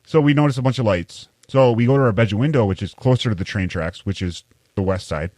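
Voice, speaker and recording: A man's voice: on the low side, quick pace, darkish tone, no room sound. A man hosting a podcast and telling a story in rambling, casual chat. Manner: rambling, with loose fillers and swearing. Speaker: podcast host.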